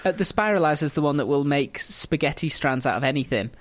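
A man's voice: fairly high pitch, animated, quick pace. A man casually telling a history story on a podcast, chatty and joking, laughing often.

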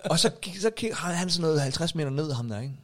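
A man co-hosting a relaxed podcast chat. His voice swings widely in pitch as he tells an anecdote, and he acts out the other people's lines with real energy. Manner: animated, acts out quotes, shouts lines. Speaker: podcast co-host. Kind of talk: casual chat, storytelling.

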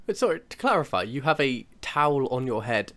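A man's voice: medium pitch, sing-song, fairly quick, noisy background. A man hosting a podcast in a jokey, teasing conversational style. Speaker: podcast host. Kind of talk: casual chat and programme introductions.

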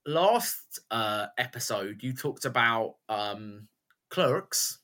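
Male podcast co-host, bright animated voice, rambling enthusiastic film talk. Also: mid-range voice, normal speed. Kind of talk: casual film chat.

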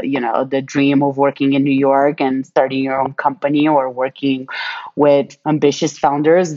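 A woman's voice: deep voice, darkish tone, no echo, dull audio. A woman, a startup founder answering podcast questions earnestly, with many restarts. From Romania. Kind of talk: casual interview answers.

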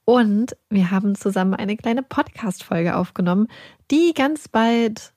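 A woman's voice: medium pitch, lively intonation, unhurried, a little mellow, no room sound. Woman, dry casual podcast voice. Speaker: podcast host. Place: lying in bed in a small holiday house.

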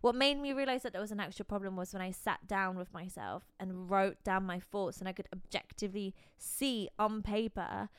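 A woman's voice: medium pitch, moderate pace, hardly any pauses, clean tone, no room sound. A young woman in her twenties, co-hosting a podcast in casual, bubbly, giggly chat, recorded close on a mic. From Poland. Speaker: podcast co-host.

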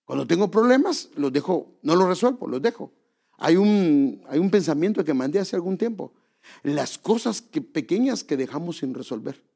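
This is a man preaching to his congregation in an earnest, exhorting tone. His voice sits slightly high and swings widely in pitch, with a gravelly edge. He keeps putting rhetorical questions to his listeners. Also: expressive, moderate pace, mellow. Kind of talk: sermon.

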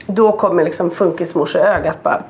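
A woman's voice: on the low side, darkish tone. A woman co-hosting a casual podcast, chatty and self-mocking as she tells her side. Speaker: podcast co-host. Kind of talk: casual chat.

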